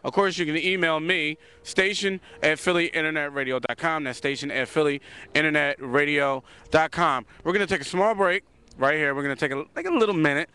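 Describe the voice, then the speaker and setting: A man hosts a loose, chatty talk show from a city park, restarting and repeating words as he goes. His voice is bright, crisp and sits somewhat high. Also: brisk. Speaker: host. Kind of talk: casual outdoor talk show.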